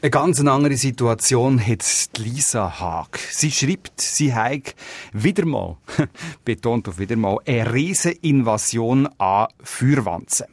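A man's voice: mid-range voice, animated, measured pace, no room sound. Swiss German man hosting a radio show. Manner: chatty, joking, laughs between questions. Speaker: radio host. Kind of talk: radio call-in show, reading listener questions. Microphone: studio microphone.

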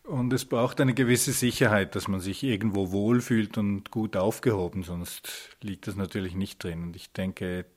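A Swiss man with a lowish voice conducts an interview at a calm, deliberate pace. He frames long, probing questions for his guests. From Switzerland. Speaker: interviewer, host. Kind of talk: radio interview.

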